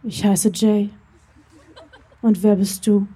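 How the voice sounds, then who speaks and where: A woman voicing a gentle young man who speaks softly and adoringly in a storybook romance. The voice is warm and breathy, pitched a little high. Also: unhurried. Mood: tender. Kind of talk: reading a romance story aloud.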